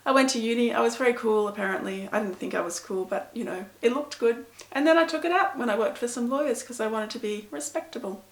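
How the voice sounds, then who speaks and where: A woman's voice: on the high side, fast, hardly any pauses, roomy sound. A middle-aged woman, chatting to camera as an author answering reader questions in a self-deprecating, storytelling way. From Pakistan. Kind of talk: casual talk to camera.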